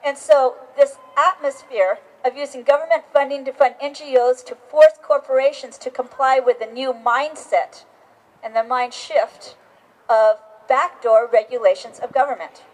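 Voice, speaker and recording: High-voiced woman giving an insistent rally speech. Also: moderate pace, poor audio. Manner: emphatic, insistent, with many restarts. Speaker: rally speaker. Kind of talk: outdoor political rally speech. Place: outdoors on capitol steps.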